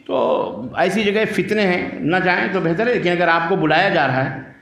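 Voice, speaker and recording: Man, Islamic scholar, religious Q&A, blunt and emphatic, higher voice, roomy echo. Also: normal speed, vocal fry, fairly bright tone. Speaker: Islamic scholar answering questions. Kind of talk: religious Q&A talk. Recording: echoey room.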